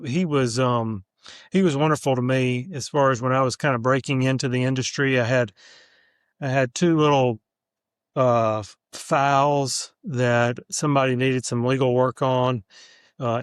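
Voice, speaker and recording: Man, smooth clear voice, dry close sound, easygoing and thoughtful. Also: medium pitch, dry recording. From Mississippi, USA. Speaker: attorney, podcast guest. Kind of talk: casual interview chat.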